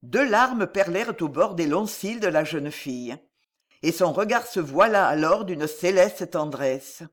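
Dramatic audiobook narrator, expressive reading, lively pitch. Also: unhurried.

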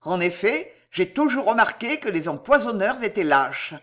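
A man voicing a stern magistrate confronting his wife, calm and cutting in a storybook reading. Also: high-pitched, normal speed, exaggerated voice. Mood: contemptuous. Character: cold stern magistrate husband.

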